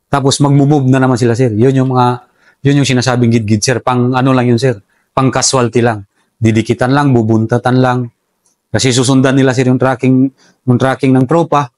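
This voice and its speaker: Man, soldier, respectful interview talk, mid pitch, dry close recording. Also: flat delivery, a little fast, darkish tone, dry recording. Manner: respectful, says "sir" constantly. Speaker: soldier recounting enemy tactics. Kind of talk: casual interview storytelling.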